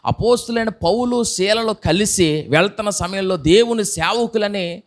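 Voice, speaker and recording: Pastor, man, fairly high voice, animated preacher acting out voices, mic. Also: measured pace. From India. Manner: lively preaching with acted-out voices and rhetorical questions. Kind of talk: sermon. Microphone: microphone.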